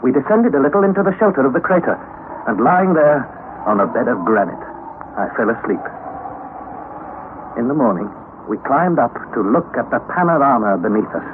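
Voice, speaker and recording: In this noisy, narrow-band old radio recording, a man with a mid-range voice performs a dramatized radio adaptation of a classic adventure novel. He plays an anxious young student recounting his expedition in earnest, formal, dramatic narration, lightly acted yet very animated. His brisk delivery pauses often and sounds weary and awed.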